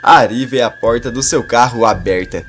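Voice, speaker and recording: A man reads a scripted soap opera recap with dramatic storytelling. His voice sits at a middle pitch. Faint music plays behind him. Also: normal speed, a bit bright. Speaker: narrator.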